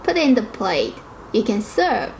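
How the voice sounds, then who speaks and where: A woman's voice: mid-range voice, wildly swooping pitch, moderate pace, creaky, a little hiss or hum, poor audio. A woman giving a casual cooking tutorial in her home kitchen, chatty and direct, with slightly non-native phrasing. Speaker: cooking vlogger.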